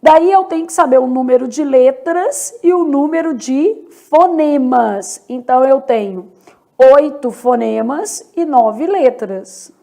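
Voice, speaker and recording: A high-voiced Brazilian woman teaches a grammar lesson for exam prep. She works at an unhurried pace and lets each point land. She often asks the class a question and answers it herself. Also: animated, gravelly, mellow. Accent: Brazilian Portuguese. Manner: slow and deliberate, asks and answers own questions. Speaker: Portuguese teacher.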